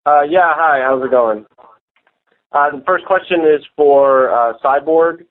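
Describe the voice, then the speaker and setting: A man's voice: a little high, unhurried. A man working as a reporter, putting questions in an informal press-call style. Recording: muffled phone conference line.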